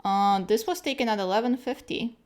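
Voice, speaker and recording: A woman's voice: on the high side, fairly quick, noisy background. A joking woman chatting casually and reading lines aloud as she co-hosts a game playthrough.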